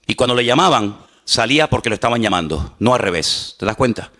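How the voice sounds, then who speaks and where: Animated preacher with a bright voice. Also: male voice, medium pitch, brisk. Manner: animated, acts out quotes and jokes with the congregation. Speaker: pastor. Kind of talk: sermon.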